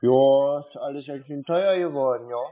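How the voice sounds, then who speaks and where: Through a muffled, narrow phone line, a male scambaiter whose native language is German chats casually, playing dumb in a playful way. He speaks at normal speed with a medium pitch.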